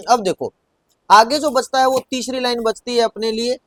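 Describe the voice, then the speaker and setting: A man with a Rajasthani Hindi accent teaching typing hands-on, patiently repeating each key and word slowly as he demonstrates. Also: very high voice, no echo. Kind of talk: hands-on lesson.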